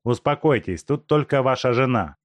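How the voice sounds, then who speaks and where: A man's voice: mid-range voice, expressive, moderate pace, no room sound, pitched above the performer's own voice, lightly acted. Man doing a curt, stern asylum doctor. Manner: firm, curt, authoritative. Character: stern asylum director, middle-aged doctor.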